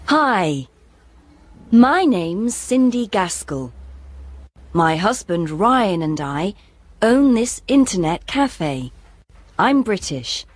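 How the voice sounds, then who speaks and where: A woman's voice: medium pitch, no room sound. A woman giving a friendly, chatty scripted monologue for an English lesson.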